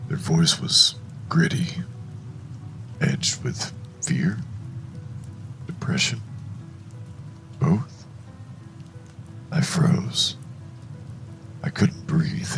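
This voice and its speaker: A man narrating a first-person horror story in a hushed, deliberate, suspenseful way, with a gravelly voice. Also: rumbling low, huge pitch swings, soft background music.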